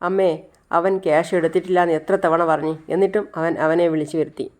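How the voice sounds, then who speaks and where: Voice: medium pitch, fairly even intonation, fast, lightly acted. A narrator voicing a young woman who protests and pleads for her brother. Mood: pleading.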